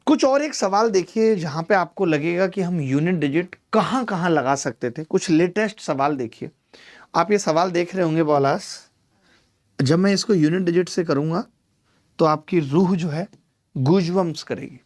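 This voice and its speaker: Male maths tutor for a live class. Chatty, teases students by name, explains step by step. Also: sits high. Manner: explains step by step, repeats key numbers. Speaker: maths teacher.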